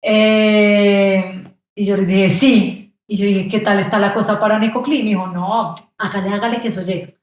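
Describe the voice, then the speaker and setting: A woman's voice: medium pitch, normal speed. A young Colombian woman, a podcast guest, telling a travel story in casual conversation and acting out the voices of people she met. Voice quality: animated, acts out quoted voices. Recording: very echoey room.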